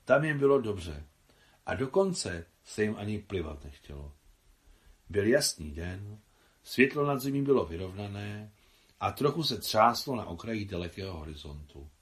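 A man reads a novel aloud in a steady audiobook narration. His voice sits low, and he takes his time with frequent pauses. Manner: measured, unhurried reading with frequent pauses. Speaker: translator reading his own translation.

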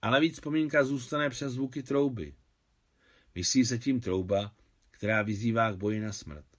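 A man calmly reading a novel aloud as an audiobook narrator. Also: medium pitch. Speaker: audiobook reader.

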